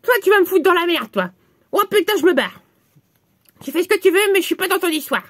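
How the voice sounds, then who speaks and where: A shrill, high-pitched little comedy character who curses nonstop, as a man puts him on. He bickers and squabbles in a crude, silly sketch voice. The recording is dry and close, with no room sound at all. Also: lively intonation, a little fast, bright, forceful tone, no echo, heavily acted. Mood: panicked. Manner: crude swearing, bickering back and forth. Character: squeaky foul-mouthed little guy playing with a voodoo doll.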